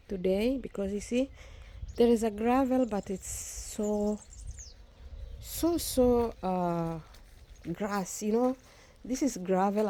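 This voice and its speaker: A woman speaks in a mellow, medium-pitched voice. Her first language is Swahili, and she chats casually while filming her garden outdoors on a phone for a walk-and-talk vlog, often restarting her phrases.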